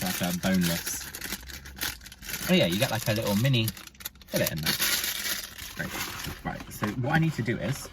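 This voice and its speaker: Deep-voiced guy eating in his car. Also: background noise. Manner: chatty, talks with his mouth full while eating. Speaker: vlogger. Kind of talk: casual food review to camera. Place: inside a parked car.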